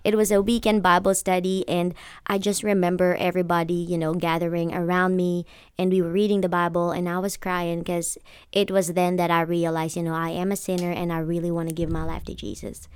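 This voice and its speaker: A woman's voice: lowish voice, little pitch movement, fairly quick, clear, resonant tone, dry recording. A young adult woman from the Philippines, a podcast guest telling her story in an earnest, friendly conversational way. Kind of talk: casual conversation.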